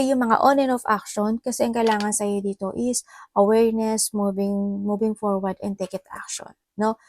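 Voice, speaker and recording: A woman from the Philippines giving a casual tarot reading, chatty and laughing often, her voice a little hoarse. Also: mid-range voice. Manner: chatty, mixes Tagalog and English, laughs often. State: slightly hoarse voice. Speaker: tarot reader.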